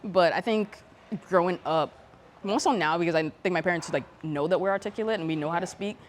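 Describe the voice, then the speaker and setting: Fast-talking low-voiced Bahamian woman. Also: slight background noise. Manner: quick, animated storytelling. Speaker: guest athlete. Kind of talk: casual interview chat.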